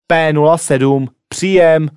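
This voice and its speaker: A man voicing a calm, confident male police sergeant who gives steady commands. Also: on the high side, clean tone, dry recording, studio quality, lightly acted.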